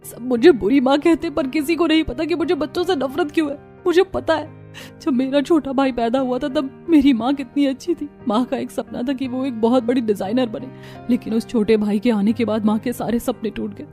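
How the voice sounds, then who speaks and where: एक महिला एक कार्टून कहानी में एक घमंडी, लापरवाह युवा माँ की आवाज़ दे रही है, तीखे और टालने वाले अंदाज़ में।. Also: female voice, high-pitched, fairly even intonation, moderate pace, natural voice. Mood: bitter. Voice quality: sharp, dismissive. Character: arrogant young modern wife, careless mother. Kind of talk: Hindi cartoon voice acting. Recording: light music behind voice.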